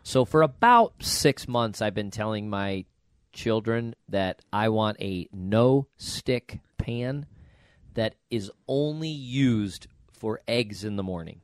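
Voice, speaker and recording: A man hosting a podcast in casual, jokey chat, his voice hoarse and raspy from allergies, like a smoker's rasp. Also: lowish voice, animated, slow pace, dry recording, clean studio sound. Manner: jokey, colloquial. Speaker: podcast host.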